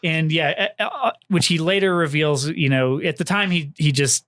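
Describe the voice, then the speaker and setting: A man with a slightly higher voice walks his co-hosts through history in a loose, rambling way. He leans on fillers and swears without a second thought. The sound is close and dry. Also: moderate pace, fairly bright tone, no room sound. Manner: loose and chatty, lots of fillers, swears freely. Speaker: podcast co-host presenting history. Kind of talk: casual history podcast narration.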